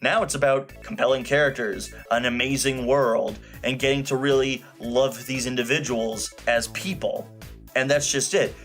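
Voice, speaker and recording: A film reviewer delivers a scripted, opinionated video review, emphatic and sarcastic with casual profanity, over background music. His medium-pitched voice is fairly bright, with fairly even intonation and a normal speed.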